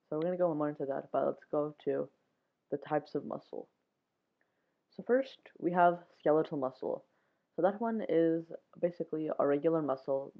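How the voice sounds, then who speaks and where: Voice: medium pitch, gravelly. A science show host giving a casual, informal explainer in plain steps. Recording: muffled, phone-like narrow sound.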